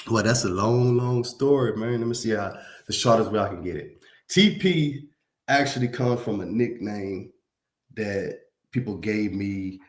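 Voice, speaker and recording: A man's voice: fairly low pitch, unhurried, long pauses, echoey room. Laid-back man on a livestream. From Louisiana. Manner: laid-back, slangy, talks straight to viewers. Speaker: livestream host. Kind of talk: casual livestream chat reading comments.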